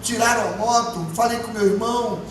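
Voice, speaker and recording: A man, a pastor, giving an emotional testimony sermon, moving between hushed and loud. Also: high-pitched, fairly even intonation, brisk, background noise. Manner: impassioned, swinging from hushed to loud. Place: church. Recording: echoey church hall from far off, music behind.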